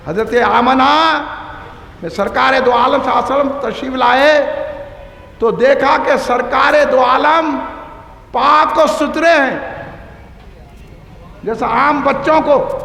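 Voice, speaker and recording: A man preaching an impassioned sermon to a large gathering, shouting out repeated refrains. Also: very high-pitched, creaky, a little hiss or hum. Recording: echoey hall with long reverb.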